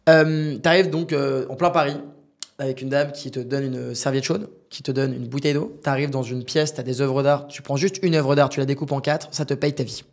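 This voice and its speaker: A business founder in his twenties, appearing as a podcast guest, tells a story casually, acting out dialogue and using slang and asides to the host. His mid-range voice is steady and moves at normal speed.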